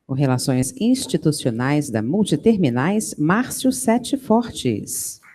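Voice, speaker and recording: A woman with a Brazilian Portuguese accent making formal announcements at a conference, slow and deliberate. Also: deep voice, sing-song, background noise. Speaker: event announcer.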